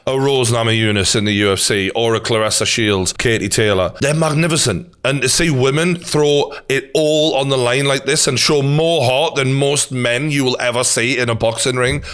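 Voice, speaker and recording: A man with a broad Newcastle Geordie accent hosts a casual reaction video. He talks bluntly and with strong opinions, swearing freely and addressing listeners like mates. His pitch sits in an ordinary middle range for a man. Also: normal speed, few pauses, fairly bright tone, clean tone. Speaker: YouTube host and boxing commentator. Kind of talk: casual reaction commentary to camera.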